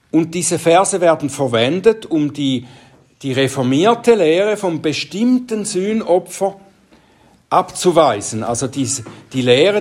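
A male preacher works through a Bible passage in an unhurried teaching sermon. His voice sits a little high for a man, and he speaks slowly and deliberately. He lets his voice drop into quiet asides between points.

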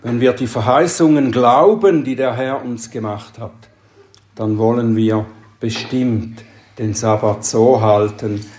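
A man preaching a sermon in a slow, measured way, lifting his voice to stress key words. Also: medium pitch, a little mellow, roomy sound.

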